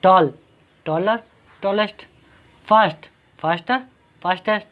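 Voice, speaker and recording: Slow and high-pitched, a man's voice carries a classroom-style English grammar lesson heard through dull lo-fi audio. He is patient, goes over every point more than once, and answers the questions he puts forward.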